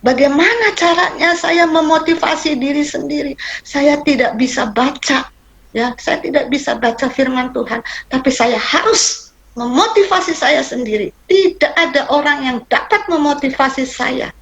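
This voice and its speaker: Woman, high voice, middle-aged, pastor's wife, emotional testimony sermon, addresses congregation. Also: dull audio. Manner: emotional, animated, addresses listeners as "saudara".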